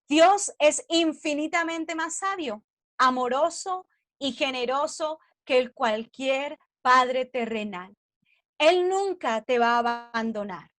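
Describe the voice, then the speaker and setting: A woman with a high voice teaches a devotional message to women. She speaks earnestly and weaves in her own testimony. She asks her listeners questions, and the recording is dry and close. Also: no echo. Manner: earnest, personal testimony woven into preaching. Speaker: preacher.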